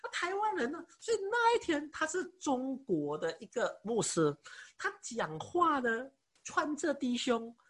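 A woman in her thirties telling a church story, excitable, with many hesitations, often imitating how other people talk. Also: high voice, a little slow. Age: 30s.

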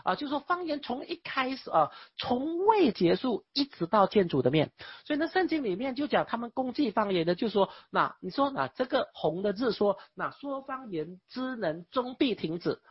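A woman preaching a sermon in an animated, exclamatory way, firing rhetorical questions at her listeners. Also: on the high side, moderate pace, few pauses, slightly rough, dry recording, highs cut off.

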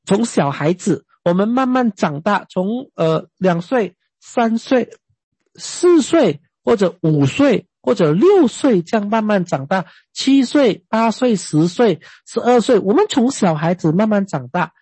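Woman preaching in a chatty way, kinda husky, dry close sound, lots of um and uh, asks the room stuff. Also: mid-range voice, big pitch swings, a little slow, mellow, no room sound. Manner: chatty, asks the listeners questions, often hesitates. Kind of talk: conversational sermon.

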